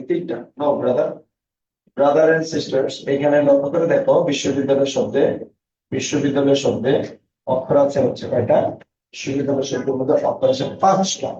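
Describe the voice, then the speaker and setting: A man's voice: mid-range voice, fairly even intonation, a little fast, warm tone. Man teaching a class in a roomy echo. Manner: drills students with repeated questions; reads out student names and answers. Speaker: Bangla teacher. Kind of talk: online class lecture. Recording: echoey, distant, dull lo-fi.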